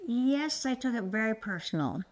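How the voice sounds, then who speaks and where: Lower-voiced woman chatting as a local. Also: normal speed, gravelly, rough recording. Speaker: local history interviewee. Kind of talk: casual conversational answers.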